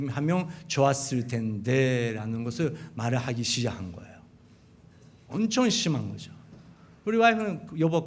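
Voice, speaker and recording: A middle-aged man with a Japanese accent, a pastor preaching a sermon in an animated storytelling manner. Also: on the high side, slight background noise. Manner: animated storytelling, acting out quotes of wife and sons. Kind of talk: sermon with acted family stories.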